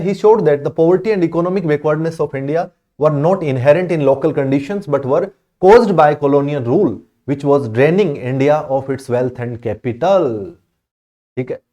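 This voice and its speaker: With a warm, somewhat high voice, a male exam coach reads history questions slowly in English and explains them in Hindi. He pauses repeatedly to make sure his students are following.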